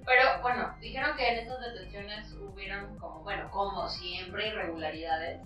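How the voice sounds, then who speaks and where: A woman's voice: medium pitch, fairly even intonation, moderate pace. A distant, heavily echoing recording of a Mexican woman over faint music. She chats casually as a podcast co-host, teasing and wry, with plenty of slang. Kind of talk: casual news chat with slang. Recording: muffled, very echoey room, distant mic, music.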